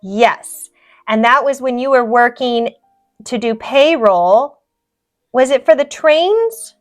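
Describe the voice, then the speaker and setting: An American woman gently prompting as interviewer in a casual family conversation. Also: on the high side, lively intonation, slow, soft background music. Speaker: interviewer, granddaughter.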